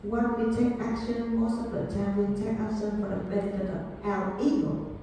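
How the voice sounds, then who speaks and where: A woman giving a Buddhist dharma class, speaking deliberately and repeating key phrases to her students. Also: mid-range voice, level tone, warm tone, a little hiss or hum. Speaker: Buddhist teacher. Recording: echoey hall, far from mic.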